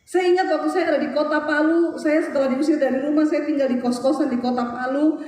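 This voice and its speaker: A woman's voice: high-pitched, steady tone, fast, darkish tone, far from the mic. A woman preacher giving a fervent sermon, laughing between phrases and drawing out her words, with an Indonesian accent. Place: large echoing church hall. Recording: very echoey hall with faint noise.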